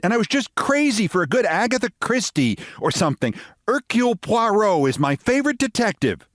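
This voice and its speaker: A man's voice: high voice, very animated, a little fast, fairly bright tone, no room sound, studio quality, voice pushed up. A man reading a humorous short story, voicing a chatty, emphatic, opinionated woman. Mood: eager, certain. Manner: emphatic, gossipy, matter-of-fact certainty. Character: opinionated, chatty American woman, avid detective-story fan.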